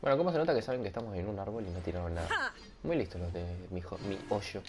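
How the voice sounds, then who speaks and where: Talking fast with an expressive, lowish voice, a young man with a Rioplatense Spanish accent streams a casual gaming session while music plays behind him. Using a headset mic, he rambles, jokes with his audience, and laughs at himself.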